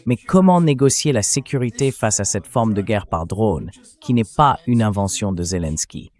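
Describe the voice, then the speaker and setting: Political commentary comes from a fairly low-pitched synthetic male dubbing voice that is expressive and a little mellow. He speaks in a measured, analytical way, much like a translated interview.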